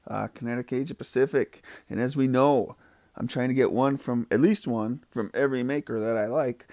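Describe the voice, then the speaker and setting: A man's voice: mid-range voice, dry recording, studio quality. A man chatting casually in a rambling, gossipy, profane way full of fillers, as he reviews fidget spinners. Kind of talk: casual rambling vlog chat.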